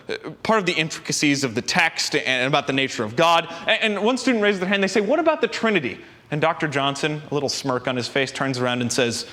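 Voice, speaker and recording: A young man hosts a college comedy show, with a bright, tense voice that rises and falls with plenty of animation. He jokes and acts exasperated in turn. The sound carries a long hall reverb. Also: a little high. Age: young adult. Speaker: host. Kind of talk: comedic monologue and sketch. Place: set on a campus stage.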